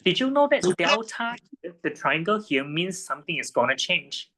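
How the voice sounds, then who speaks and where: A man's voice: sits high, very animated, moderate pace, sharp tone. A man tutoring a student one-on-one in physics, patiently checking her understanding with frequent tag questions.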